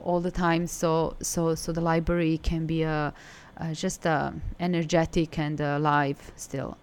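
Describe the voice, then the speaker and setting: Clear-voiced woman with a Serbian accent. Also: fairly low pitch. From Serbia, from Belgrade. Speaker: interview guest, design studio co-founder. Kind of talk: conversational interview answers.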